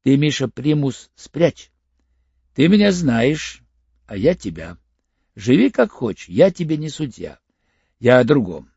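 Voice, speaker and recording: A sly, wary older male crook, as an audiobook reader puts him on bargains in a hoarse, cagey voice. The pitch moves around freely, and the recording sounds muffled and dry. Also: very animated, unhurried, pauses often, mellow, no echo, heavily acted. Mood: cagey, bargaining.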